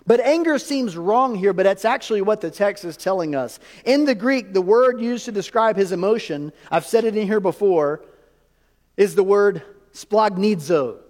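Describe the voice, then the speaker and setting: A man delivers a sermon in a high, ringing voice that carries a long hall echo. He preaches with animated emphasis, then drops to hushed, near-whispered lines. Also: moderate pace. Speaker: pastor.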